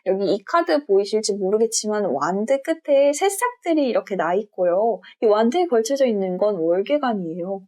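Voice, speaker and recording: A young adult woman talks viewers through a tarot reading. Her voice sits a little on the high side. She speaks gently and reassuringly, addressing the listener directly. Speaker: tarot reader.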